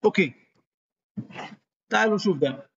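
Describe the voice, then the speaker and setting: A man's voice: high voice, lively intonation, normal speed, creaky, a bit bright, dull audio. A man with an Egyptian Arabic accent giving a medical lecture, walking students through each step and quizzing them as he goes.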